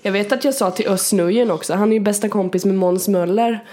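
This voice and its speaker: A woman co-hosting a podcast, chatting casually and telling an animated story with frequent laughter. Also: medium pitch. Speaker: podcast co-host.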